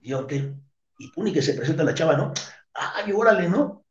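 A Mexican-accented man with a slightly high voice talks his way through a long anecdote. He rambles, swears casually and slips into other people's voices as he tells it. The sound is roomy and muffled, like a lo-fi recording. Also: lively intonation, normal speed. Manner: rambling, slangy and crude, acts out voices in the story. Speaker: interview guest, wrestler. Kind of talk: casual storytelling.

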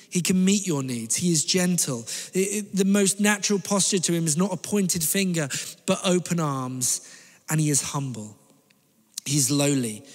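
A man preaching a sermon as pastor, earnest and repeating key phrases for emphasis. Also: fairly high pitch. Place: large church hall. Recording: reverberant church hall.

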